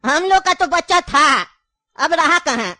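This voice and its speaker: A woman's voice: very high-pitched, animated, measured pace, sharp tone, no echo, studio quality, exaggerated voice. A woman voicing an elderly grandfather in a cartoon, cunning and grieving, with an insistent, coaxing way of talking. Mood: mournful telling. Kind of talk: cartoon voice acting.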